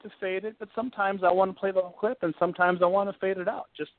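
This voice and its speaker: A man's voice: sits high, fairly even intonation, rapid-fire, dry recording. A man hosting a sports talk show in a casual, loose, chatty way, through a phone-like connection. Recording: tinny, phone-like internet radio.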